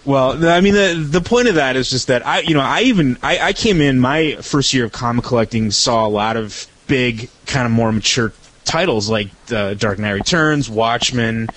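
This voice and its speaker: A man's voice: medium pitch, expressive, moderate pace, a bit bright, no echo, low-quality recording. A man in his thirties chatting casually as a podcast co-host. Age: 30s. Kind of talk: casual chat.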